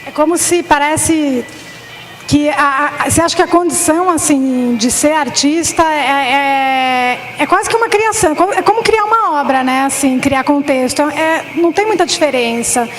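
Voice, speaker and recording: A woman's voice: high voice, normal speed, faint music behind. A woman dance artist on a panel, musing tentatively on her ideas. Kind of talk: panel discussion.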